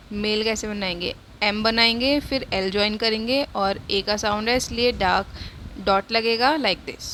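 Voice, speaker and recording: Slow woman teaching shorthand. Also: on the high side, a bit bright, slight background noise. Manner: slow, repeats each word several times, mixes Hindi and English. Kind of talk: step-by-step spoken lesson.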